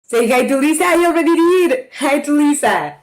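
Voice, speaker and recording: A woman from Mexico streams a farming game, her high, expressive voice moving at a normal pace. She chats casually with her viewers, talking to them directly and reacting out loud as she plays.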